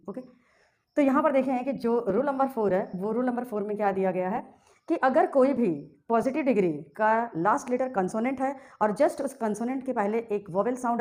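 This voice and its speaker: A woman's voice: fairly high pitch, a little mellow. A woman teaching English grammar, asking herself questions and answering them, and spelling words out letter by letter. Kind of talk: classroom grammar lesson.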